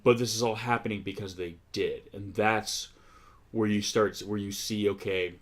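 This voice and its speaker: A man's voice: fairly low pitch, steady tone, normal speed. A man co-hosting a casual movie commentary, rambling and joking as he explains his points. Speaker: podcast co-host.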